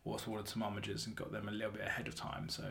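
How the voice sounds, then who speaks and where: A man hosting a hobby podcast in a casual, rambling, self-correcting way, recorded in the hallway of a flat. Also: fairly low pitch, racing, gravelly. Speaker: podcast host.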